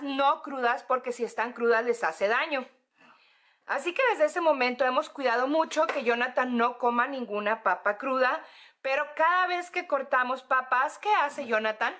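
A young Mexican woman with a Mexican accent, gushing excitedly in a casual home vlog from her apartment. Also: high voice. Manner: excitable, gushing, drawn-out words. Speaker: vlogger.

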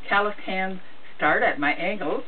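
Sweet old lady reading slowly, distant phone-like sound. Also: mid-range voice. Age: 70s. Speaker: grandmother reading a story aloud. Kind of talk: reading a comic story aloud to family. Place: wood-panelled room in a home, indoors. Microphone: camera a few metres away. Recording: muffled phone-like sound, distant mic, noisy.

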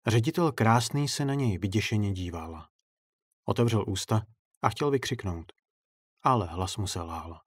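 Husky low male storyteller. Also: dry recording, clean studio sound. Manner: steady, measured storytelling. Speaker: narrator. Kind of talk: audiobook-style story narration.

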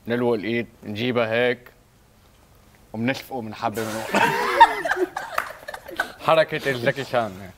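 A man's voice: medium pitch, lightly acted. A man with a Lebanese accent acting a boastful, bumbling self-defense coach in a comedy sketch, tossing English words into his speech.

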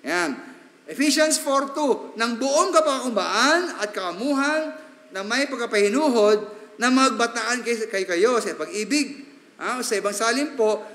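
A man preaching in a church, his voice pitched high and bright. He talks in a chatty way, tossing in quick asides and asking the congregation to agree. The sound rings out with a long, echoey reverb from the hall. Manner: preaching in mixed Tagalog and English, chatty asides and tag questions. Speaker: pastor. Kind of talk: sermon. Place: church sanctuary.

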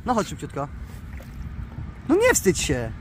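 A man vlogging outdoors by the water, excitedly coaxing his pet bird and calling its name. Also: high-pitched, measured pace, a little hiss or hum. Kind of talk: casual outdoor vlog.

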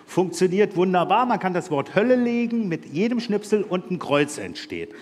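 A man's voice: high voice, very animated, normal speed, a little hiss or hum. A man giving a humorous conference talk, telling a joke while folding paper, in a large lecture hall. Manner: jokey storyteller. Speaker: conference speaker.

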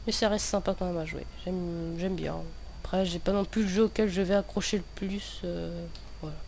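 Over gameplay, a young man hosting a gaming video offers halting, rambling commentary full of self-corrections, his lisp slurring his s sounds. The voice is high yet darkish and creaky, steady in tone at normal speed, and background noise is noticeable.

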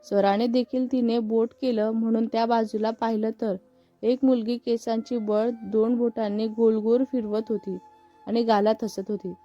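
A woman storyteller giving a steady, expressive scripted reading of a story. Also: fairly high pitch, normal speed. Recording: muffled with faint background music.

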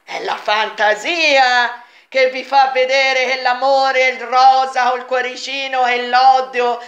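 Brief: woman vlogger, high-pitched, unhurried, presses her point with rhetorical questions. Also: level tone, a bit bright, dull audio. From Italy. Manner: rhetorical questions, emphatic and insistent. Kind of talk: argumentative monologue answering a comment.

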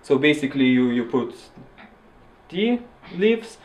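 A man in his twenties with a Lithuanian accent, explaining things casually to camera in a hesitant, halting way. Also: medium pitch, sing-song. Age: 20s. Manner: hesitant, halting with repeated words. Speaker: student interviewee. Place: small indoor kitchen. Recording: echoey kitchen with audible background noise.

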